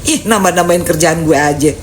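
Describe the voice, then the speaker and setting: Speaking briskly in a lowish voice, this Jakarta-accented woman, from the city's Betawi area, fields questions from live stream viewers. She's colloquial and blunt, with some sass in her delivery. There's slight background noise.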